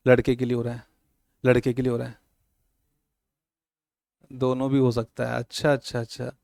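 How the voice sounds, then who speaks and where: A man's voice: mid-range voice, a bit bright, smooth, no echo, studio quality. A man teaching a classroom lecture, joking with and quizzing his students, mixing with words. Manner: playful, teasing students with questions.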